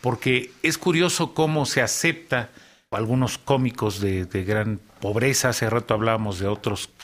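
A man hosting a radio conversation, reflecting in a thoughtful, measured and somewhat hesitant way. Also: lowish voice, a bit bright.

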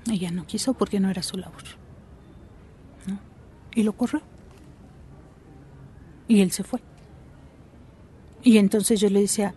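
Soft-toned woman explaining calmly. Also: mid-range voice, breathy edge. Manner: reflective, explanatory, tag questions. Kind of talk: interview answers.

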